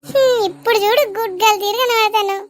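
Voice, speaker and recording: A woman voicing a sweet, teary young village granddaughter in an animated comedy, talking in a pleading, childlike way. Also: very high voice, quick pace, no room sound, studio quality. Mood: coaxing.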